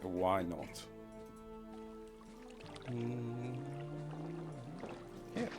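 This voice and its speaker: His mid-range voice moves very slowly as he plays a game live on stream, casually rambling and muttering to himself. He chuckles at his own wordplay, with music playing under his voice.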